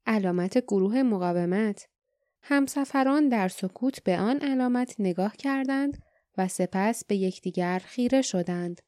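A woman narrating a fantasy audiobook in a steady, even storytelling manner. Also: mid-range voice, no echo, studio quality.

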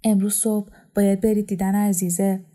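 A patient older woman speaks low and measured, like a mother calming a child, as a woman reads her part. The mellow, warm voice stays steady and quiet in this audiobook story. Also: natural voice.

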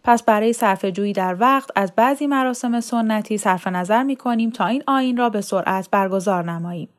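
Storybook role: a formal, measured mullah, read by a woman at an ordinary middle pitch. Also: close to an everyday voice. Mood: businesslike. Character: formal middle-aged male mullah officiating.

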